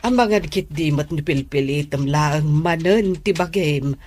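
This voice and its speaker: In a Philippine radio drama, an actress plays a concerned, exasperated middle-aged mother, lamenting and chiding in a Filipino accent. Her low, darkish voice is a little slow and carries a worried, scolding mood.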